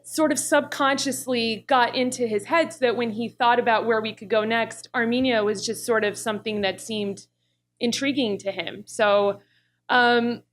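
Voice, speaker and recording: Woman panelist, fairly high voice, chatty with lots of laughs. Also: steady tone, moderate pace, a little hiss or hum. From Los Angeles area, US. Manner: chatty, laughs often, many fillers. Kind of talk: panel discussion.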